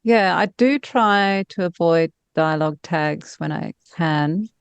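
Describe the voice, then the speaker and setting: A woman in her fifties, a novelist, chats casually as an interview guest, gushing about her own work while also poking fun at it. Her voice is fairly low and slow, clean in tone with no echo, though the recording is muffled.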